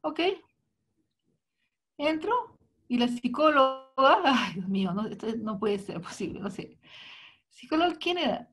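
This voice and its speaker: A woman gives a live interpretation of a talk in the first person. Her voice sits a little high. Her phrasing is halting, with frequent restarts. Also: lively intonation, slightly rough. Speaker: sign language interpreter.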